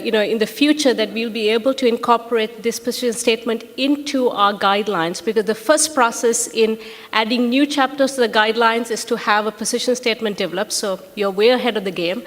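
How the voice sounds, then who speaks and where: Measured woman speaking in a reverberant hall. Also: on the high side. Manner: measured, steady with fillers. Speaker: representative of a health charity. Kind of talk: conference interview answers.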